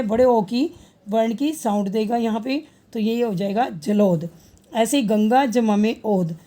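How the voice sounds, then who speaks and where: A woman's voice: fairly high pitch, mellow. A woman teaching a grammar lesson, patiently working through examples and repeating each answer as a question.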